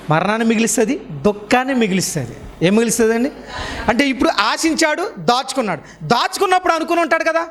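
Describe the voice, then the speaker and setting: A man's voice: very high-pitched, slight background noise. A man preaching as a pastor, firing rhetorical questions at his congregation and repeating them, with sudden emphatic bursts. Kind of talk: sermon.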